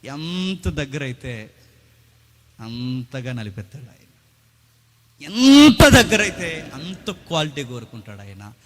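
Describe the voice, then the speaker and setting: A man's voice: on the high side, sing-song, slow, long pauses, long reverb tail. A man preaching a sermon with dramatic delivery, posing rhetorical questions and acting out the voices of people he quotes. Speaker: pastor. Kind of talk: Telugu sermon with acted dialogue.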